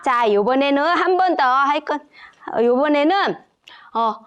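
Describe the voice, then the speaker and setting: A woman teaching a children's Sunday school lesson, leading slow, clear, sing-song recitations. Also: high voice, lively intonation, fairly bright tone, muffled recording. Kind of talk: children's Bible memory lesson.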